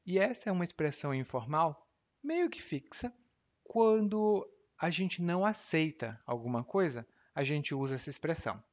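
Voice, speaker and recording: A man's voice: a little high, animated, normal speed, dull audio. A man with a Brazilian Portuguese accent hosting a podcast language lesson, patiently explaining words with examples. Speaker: language teacher and podcast host.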